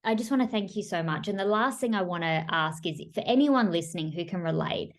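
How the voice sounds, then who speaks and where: A woman's voice: fairly low pitch, animated, brisk. A woman hosting a relationship-coaching podcast, speaking in a gushing, openly emotional way and getting teary as she thanks her guest. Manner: warm, gushing, tearful at times.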